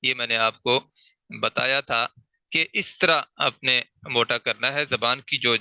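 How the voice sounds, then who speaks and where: Bright, crisp male recitation teacher. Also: medium pitch, steady tone, no room sound, low-quality recording. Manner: demonstrates letter sounds slowly, repeating them; asks rhetorical check questions. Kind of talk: online tajweed class lecture.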